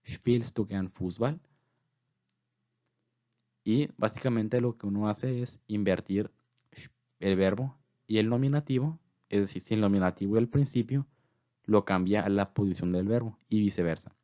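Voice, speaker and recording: Low-voiced man teaching German slowly. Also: dark tone, lo-fi sound. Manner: slow, careful repetition of example phrases; filler "pues" between phrases. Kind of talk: voice-over language lesson.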